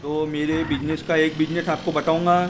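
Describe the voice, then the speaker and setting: A man giving comic gameplay commentary, joking in a playful street-seller way with sudden shouted calls. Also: fairly high pitch, level tone, moderate pace, noisy background. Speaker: gaming channel host. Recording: loud game sounds under the voice.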